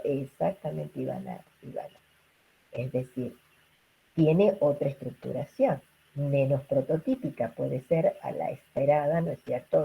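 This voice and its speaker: A woman's voice: deep voice, gravelly, slightly rough, muffled recording. A woman giving an online lecture to students over a video call. She keeps checking in with her listeners through rhetorical questions and fillers. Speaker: linguistics lecturer.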